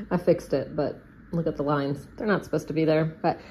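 Thinking aloud as she cooks, this homemaking vlogger in her thirties gives casual kitchen narration indoors at home. She has a deep, mellow voice with a breathy edge and keeps a moderate pace, while clicking sounds fill the noisy kitchen.

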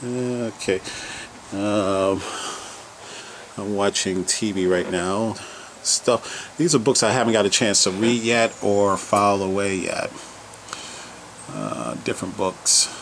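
Low slow-talking man touring his basement. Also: vocal fry, noisy background. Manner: rambling item-by-item listing with fillers. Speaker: collector giving a home tour. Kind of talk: casual vlog tour narration. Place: home basement.

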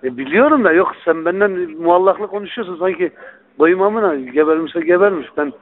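A man's voice: sits high, expressive, a little fast. A man talking informally on the phone, blunt and coarse, swearing in a familiar way. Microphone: telephone. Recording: narrow, tinny recorded phone line.

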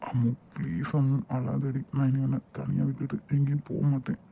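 A man with a Kanyakumari Tamil accent voicing a caring young husband in a cartoon, speaking softly and comfortingly. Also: a little high, little pitch movement, fairly quick, breathy edge, lo-fi sound. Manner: soft, comforting.

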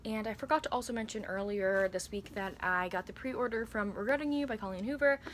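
A young woman with a drawl talks about her books in a relaxed, giggly way, full of little laughs and fillers. Her voice sits in a middle range. She records on a camera mic in her bedroom, with a faint hiss of room noise behind her. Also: mid-range voice, brisk. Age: 20s. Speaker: book vlogger. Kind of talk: casual reading vlog chat. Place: cluttered bedroom with bookcases, indoors.

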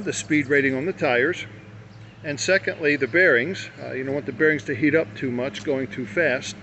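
At a grassy campsite, an older motorcycle camping vlogger casually walks the camera through his gear, folksy and meandering, often correcting himself. He speaks with a fairly bright, somewhat high voice, captured in dull lo-fi outdoor audio with a little noise.

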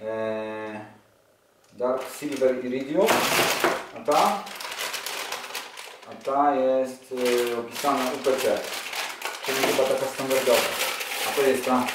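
Seated at a table in a small room, a man in his forties unboxes motorcycle gear for his vlog, casual and enthusiastic as he thinks aloud while handling it. He speaks slowly in a mid-range voice with frequent pauses. The sound is echoey from a distant camera mic, with handling noise audible.

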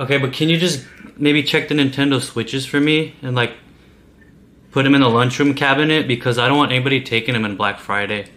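A man's voice: mid-range voice, fairly quick, fairly bright tone. A man in his twenties making a casual prank phone call, posing as an employee in a hesitant, pleading, innocent way. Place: small indoor room.

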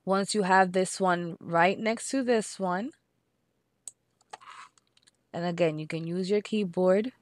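A woman with a Spanish accent talks through a software craft tutorial step by step, slowing down to repeat each number. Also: lowish voice, no room sound. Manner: patient, repeats steps and numbers slowly.

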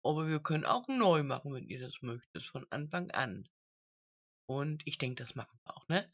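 A woman hosting a casual let's play, chatting to her viewers and cooing at little game characters as if they were pets, swinging from low muttering to high exclamations. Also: lively intonation, normal speed, muffled recording.

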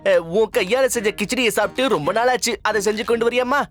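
A young man playing a witty, quick-tempered royal advisor in a dubbed TV drama, exasperated and complaining, over background music. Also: very high voice, a bit bright. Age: young adult.

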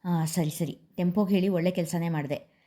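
A woman's voice: fairly low pitch, steady tone, normal speed, mellow, close to an everyday voice. A woman voicing a middle-aged uncle who is fatherly and approving. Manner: fatherly, praising.

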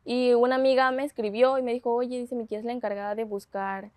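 A woman's voice: a little high, fast, dry recording. A young woman in her twenties with a Mexican accent, eagerly telling her story in an interview and quoting others as she goes. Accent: Mexican Spanish. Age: 20s. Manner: animated retelling with quoted dialogue, laughing often. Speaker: pageant contestant.

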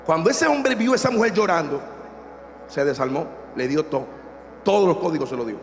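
A male pastor preaching a sermon in a church, lively and joking, acting out scenes. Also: a little high, brisk. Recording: long church reverb with faint music.

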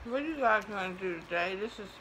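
A middle-aged woman chatting casually in an eating vlog, relaxed and unhurried with filler words, talking through mouthfuls of food. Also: mid-range voice. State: chewing while talking. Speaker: food vlogger. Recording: noisy home recording, fan running.

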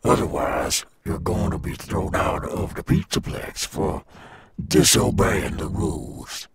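A deep, slow-talking robot alligator rockstar, acted by a man for an ASMR audio roleplay. He swaggers with a gravelly edge as he coaxes a young listener, his pitch swinging freely. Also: lively intonation, background noise, full character voice. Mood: coaxing, searching. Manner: slow, coaxing, addressing a child listener. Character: cool, swaggering male animatronic alligator rockstar guarding his golf course.

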